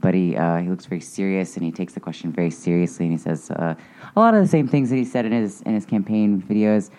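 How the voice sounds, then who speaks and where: Podcast co-host, male, deep and warm, loose rambling storyteller with lots of restarts. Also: fast. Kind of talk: casual chat.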